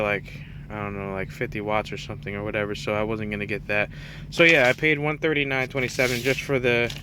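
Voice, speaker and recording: A truck driver and CB radio hobbyist shows off his setup in what sounds like an unscripted hobby vlog. His medium-pitched voice comes through with background noise as he rambles casually and pokes fun at himself.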